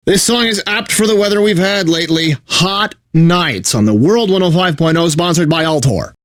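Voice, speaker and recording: Voicing a bitter, burnt-out corporate radio DJ in a video game, a high-pitched man blends announcer patter with sarcastic, exasperated asides. His exaggerated announcer delivery carries a forced radio cheer, at a moderate pace with a slightly bright tone. The recording is dry and studio-clean.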